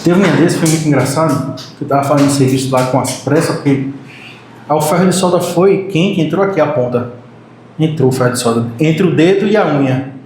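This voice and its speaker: A high-pitched Brazilian man preaches with lively humor in a very echoey church hall. A faint hiss sits under his voice. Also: fairly quick. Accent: Brazilian Portuguese. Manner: animated, joking with the congregation, acts out short quotes. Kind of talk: sermon.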